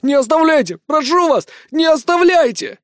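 A man's voice: lively intonation, takes it slowly, darkish tone, dry recording, studio quality, full character voice. Man doing a sobbing, pleading young boy. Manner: pleading, tearful, high-pitched. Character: boy nicknamed Rat, sobbing, begging for help.

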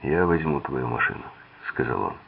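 An audiobook narrator with a very deep, creaky, husky voice reads a thriller aloud at a normal speed, animated in delivery. He shifts his tone slightly for the characters' quoted lines, and the audio sounds tinny, like a phone.

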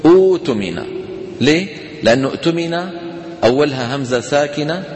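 Levantine teacher in an echoey hall. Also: male voice, medium pitch. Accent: Levantine Arabic. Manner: conversational, asks students rhetorical questions; chants Quranic examples slowly. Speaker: Quran recitation teacher. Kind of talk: classroom lesson on tajweed.

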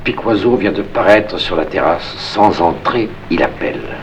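A male narrator reads stage directions in a calm, measured way. His voice is very low. The hissy tape marks it as an old archive recording. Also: rough recording.

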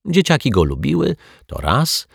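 A man narrating a children's story in an even, storytelling manner, close to the mic. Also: mid-range voice, moderate pace, vocal fry, husky, no room sound. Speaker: audiobook narrator.

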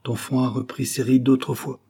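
A man voicing William, an earnest young man in love, in an audiobook, speaking in a sincere, low-key way. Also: level tone, moderate pace, gravelly, mellow, breathy edge. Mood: concerned.

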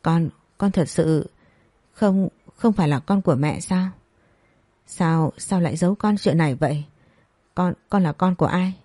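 A woman's voice: fairly low pitch, unhurried, dark tone, no echo. A woman voicing a shaken young woman who stammers, in a storybook reading. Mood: distraught.

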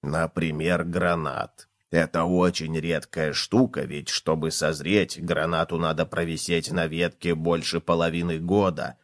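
A man voicing a male cockroach in a children's storybook, talking in a low, hushed, drawn-out way. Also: little pitch movement, no echo, clean studio sound. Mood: delighted. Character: deep slow excitable male cockroach. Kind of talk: storybook reading.

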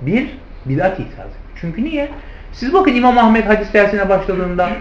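A man's voice: high voice, very animated, a little fast, a little hiss or hum. A man teaching a theology lesson, who keeps asking rhetorical questions and answering them himself, and who calls his listeners friends. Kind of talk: lecture on hadith commentary. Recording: roomy, slightly dull lecture recording.

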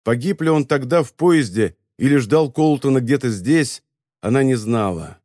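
A man reading a story as an audiobook narrator, in an even, measured telling. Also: medium pitch, dry recording, clean studio sound. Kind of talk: scripted narration.

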